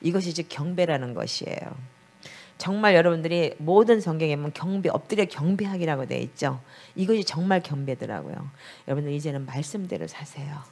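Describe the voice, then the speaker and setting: A woman's voice: low voice, lively intonation, brisk, a little mellow. A middle-aged woman pastor preaching a sermon and telling a personal testimony with emotion. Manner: emotional storytelling, voice rises when praying aloud. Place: basement prayer room of a small church.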